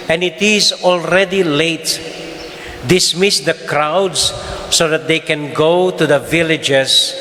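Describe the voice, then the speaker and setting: A man delivers a solemn Gospel reading at an extremely slow, deliberate pace. His voice rings through cathedral echo and long reverb, with a faint hiss of noise. The phrasing is measured and liturgical. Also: on the high side, bright, forceful tone. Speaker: priest or deacon reading the Gospel at Mass. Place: large reverberant church.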